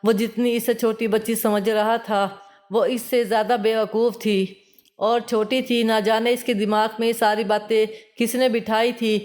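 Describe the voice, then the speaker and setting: A woman narrating an emotional moral story in a steady, even reading voice. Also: a little high.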